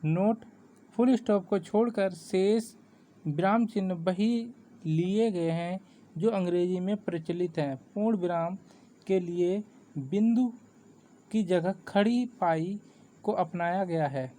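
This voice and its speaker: Man, grammar lesson, mellow voice, steady explaining, faint background noise. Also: high-pitched, takes it slowly. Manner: reads definitions steadily, counting items off with English ordinals. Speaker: exam-prep teacher.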